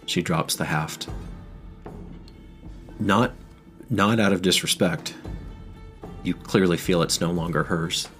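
Deep-voiced man narrating as game master. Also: fairly bright tone, soft background music. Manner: vivid, descriptive narration with pauses.

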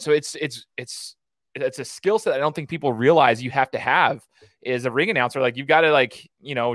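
A man's voice: mid-range voice, a bit bright, no echo, studio quality. A man hosting a casual interview podcast, chatting in an enthusiastic, rambling way. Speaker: podcast host.

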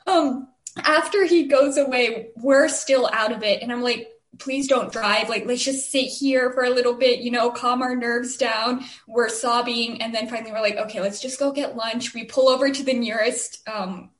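A young woman from Arizona, co-hosting a podcast and telling a story in animated casual chat, full of "like" fillers and acted-out quotes. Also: fairly high pitch, normal speed, reverberant. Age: young adult. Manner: animated, frequent "like" fillers, acts out quoted voices. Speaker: podcast co-host.

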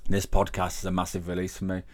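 Male podcast host, very low voice, dry mic, chatty self-correcting delivery. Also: monotone, fast talker, no room sound. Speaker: podcast host, paranormal investigator. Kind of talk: casual podcast chat.

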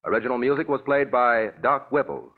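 A man's voice: medium pitch, fairly even intonation, fairly quick, soft background music. A man with an American accent announcing in the manner of a 1940s old radio announcer, reading scripted credits. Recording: tinny narrow-band vintage radio recording.

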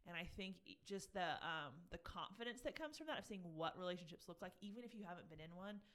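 A woman's voice: lowish voice, animated, fast, fairly bright tone. A woman speaking earnestly and thoughtfully on a casual podcast. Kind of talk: casual chat.

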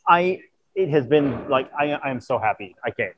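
A man's voice: medium pitch, animated, moderate pace, fairly bright tone, slightly rough, lo-fi sound. A man hosting a podcast from a convention, in a casual chat, tired and losing his voice, earnest and grateful. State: tired, voice wearing out. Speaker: podcast host.

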